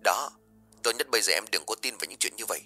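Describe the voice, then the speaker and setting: A man voicing a scheming young man who talks in a fast, sharp, dismissive way. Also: on the low side, expressive, faint music behind. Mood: urging.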